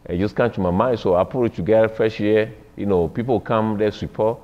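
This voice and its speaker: Low-voiced man talking haltingly in hall. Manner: halting, informal. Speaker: business owner, festival founder. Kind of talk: casual talk. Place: community center room, seated. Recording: dull echoey hall recording.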